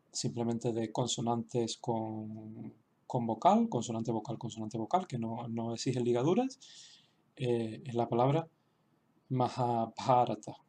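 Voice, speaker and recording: A man explaining a writing lesson slowly, with frequent fillers and restarts. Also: mid-range voice, warm tone. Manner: hesitant, many restarts and fillers; slow, explanatory. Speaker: language teacher. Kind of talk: online lesson.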